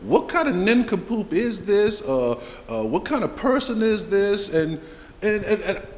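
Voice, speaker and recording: Male festival interviewer, slightly high, halting and playful; roomy echoing venue. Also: very animated. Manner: halting, many repeated words, playful. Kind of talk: casual interview chat. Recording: echoey hall with faint ambience.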